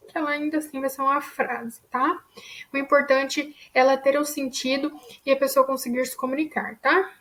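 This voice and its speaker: A woman's voice: high-pitched, bright, forceful tone. A woman teaching a grammar lesson, explaining patiently and checking in with her students after each point.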